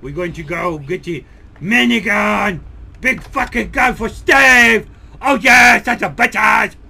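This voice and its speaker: A man doing Steve, a high creaky brash oddball. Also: moderate pace, bright, forceful tone, exaggerated voice. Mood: excited. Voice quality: high creaky voice, cursing, third-person talk. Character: Steve, a dim hot-headed man, loud and brash. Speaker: gameplay commentator. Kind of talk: let's play commentary.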